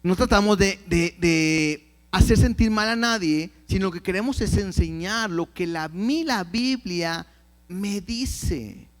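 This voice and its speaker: A man's voice: sits high, slow pace. A man preaching a Bible lesson, reading scripture aloud and often repeating words as he starts a phrase. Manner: reads scripture aloud and acts out quoted believers. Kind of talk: Bible teaching sermon.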